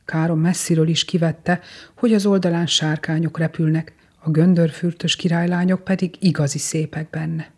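Gentle storybook reader, husky voice. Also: medium pitch, level tone. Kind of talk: storybook narration.

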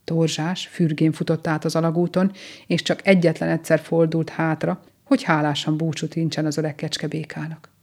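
Low-voiced woman reading a children's story. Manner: calm, gentle and measured.

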